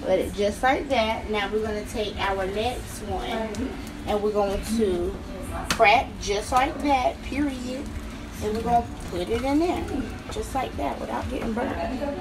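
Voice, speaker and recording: Young woman walking thru breakfast in her kitchen, kinda high voice, noisy phone audio. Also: unhurried. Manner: chatty, step-by-step, repeats "we're gonna". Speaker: home cooking vlogger. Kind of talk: casual cooking demonstration. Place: small home kitchen.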